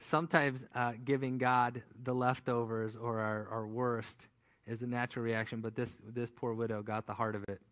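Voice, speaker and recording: Male pastor, mid-pitched, easygoing storyteller delivering a sermon. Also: little pitch movement, moderate pace, fairly bright tone. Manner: conversational storytelling preaching.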